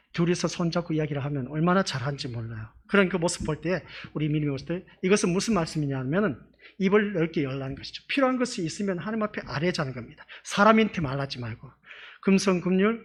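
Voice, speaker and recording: High-voiced man preaching a sermon. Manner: conversational preaching with rhetorical questions to the congregation. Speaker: pastor. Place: church.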